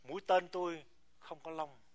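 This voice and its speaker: A man's voice: on the high side, steady tone, moderate pace, natural voice. A man voicing a hunter in a spoken fable, talking in a blunt, matter-of-fact way.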